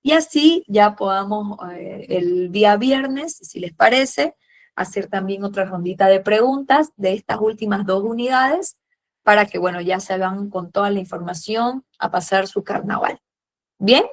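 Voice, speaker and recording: Woman history teacher, patient and questioning, fond of diminutives, mid-pitched voice. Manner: patient, fills pauses with "eh" and "a ver", uses diminutives. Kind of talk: classroom lesson, questioning students.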